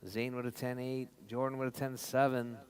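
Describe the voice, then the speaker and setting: A man's voice: mid-range voice, level tone, normal speed, background noise. Man announcing a live race. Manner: informal, repetitive calls to drivers. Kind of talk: live race commentary, calling positions.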